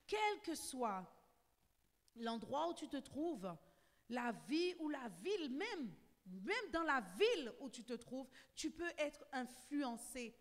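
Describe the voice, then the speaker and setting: A high-pitched woman from the French Antilles preaches in a church, her voice ringing with a long echo around the hall. She repeats her phrases and drops in amen after amen, building to loud, fervent exhortation. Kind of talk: sermon.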